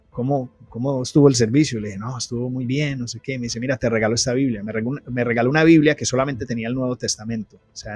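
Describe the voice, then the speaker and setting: Male guest, earnest testimony storytelling, average pitch, soft music under. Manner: earnest storytelling, frequent restarts. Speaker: guest telling his testimony. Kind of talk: personal testimony in an interview.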